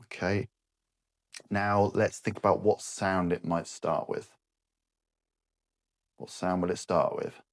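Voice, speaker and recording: A man leads a guided therapy exercise in an unhurried, patient way, leaving room after each prompt. His voice sits fairly low. The recording is close and dry, with no room sound. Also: fairly even intonation, no room sound. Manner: slow, patient, encouraging, with pauses. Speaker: speech therapist.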